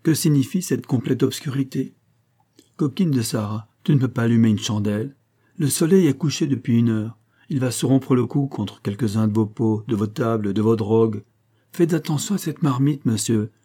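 Chatty officious foreman, read by a man, husky, mellow, storybook reading. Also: medium pitch, moderate pace, natural voice. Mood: scolding. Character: gruff male mill foreman, officious and talkative.

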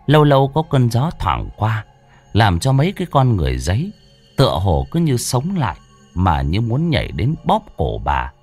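A man's voice: on the low side, huge pitch swings, normal speed, a little mellow, faint music behind. A man narrating a horror story in a dramatic, vivid storytelling manner.

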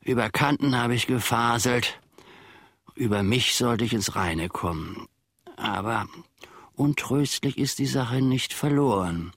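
In a German radio play, an actor voices an aggrieved, self-important old manservant, grumbling and pompously ruminating in a gravelly, husky tone. The male voice is medium-pitched, unhurried and a bit bright, with a musing mood and no room sound.

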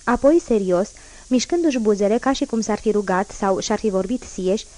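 Woman narrator reading an old novel, measured and even, mid pitch. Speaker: audiobook narrator. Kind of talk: literary audiobook reading.

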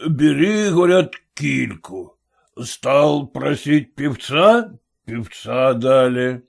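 A man voicing a tipsy male coachman who mumbles slowly. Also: medium pitch, sing-song, gravelly, heavily acted. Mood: tipsy content. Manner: mumbling, slow.

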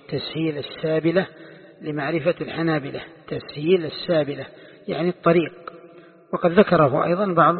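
A man teaching a classical religious text. He explains slowly, repeats his phrases, and asks the listeners questions. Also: fairly high pitch, creaky, slightly rough. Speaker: Islamic scholar teaching tafsir. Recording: tinny phone-like sound with long hall reverb.

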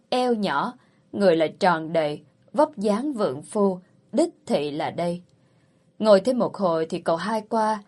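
A woman reads a story aloud as a channel's storyteller, in a steady, even manner. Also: medium pitch, breathy edge. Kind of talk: scripted audiobook narration.

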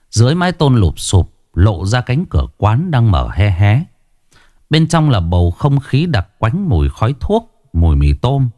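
A man narrating a ghost story in a slow, somber, dramatic way. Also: lowish voice, a little mellow, dry recording, studio quality.

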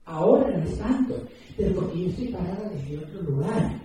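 A woman's voice: lowish voice, lively intonation, brisk, dark tone, slight background noise. A woman gives an earnest public talk, explaining with examples and rhetorical questions. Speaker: speaker at a talk. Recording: echoey room, distant mic.

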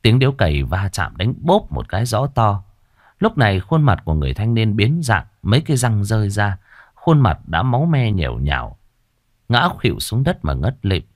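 Male audiobook narrator, low voice, lively expressive intonation, dry close sound, dramatic storytelling. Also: normal speed, no echo.

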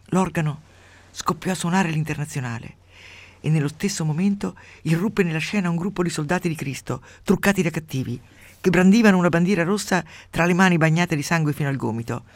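A woman radio host reading a literary passage aloud with dramatic swings from hushed to loud, then chatting with a guest. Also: low voice.

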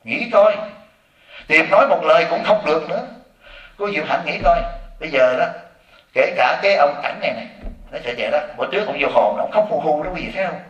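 A man, a Buddhist monk, giving a sermon with lively storytelling and acted-out quotes. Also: fairly high pitch, fast talker, muffled recording. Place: temple hall. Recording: roomy echo from far off.

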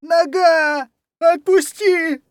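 A man's voice: animated, a little fast, no room sound, studio quality, lightly acted. A man voicing a frightened, childlike young man who blurts out simple, trusting words. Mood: panicked. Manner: naive, blurting, high and strained when scared.

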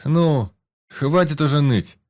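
A man's voice: a little high, takes it slowly, darkish tone, voice pushed up. Man doing a teasing loyal friend. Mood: warm teasing.

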